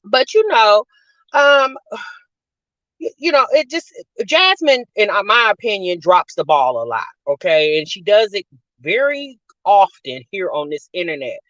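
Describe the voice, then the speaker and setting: Woman, middle-aged, casual reaction commentary, chatty, sassy, animated pitch, dry lo-fi sound. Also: a little slow, no room sound. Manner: chatty, sassy, calls listeners y'all, sis, honey. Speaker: commentary channel host. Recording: dull, lo-fi dry recording.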